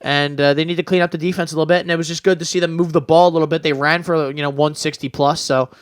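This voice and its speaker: A man's voice: on the high side, fairly even intonation, rapid-fire, smooth, no echo, studio quality. A young man co-hosting a casual sports podcast, laid-back and rambling with lots of fillers. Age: young adult. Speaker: podcast co-host.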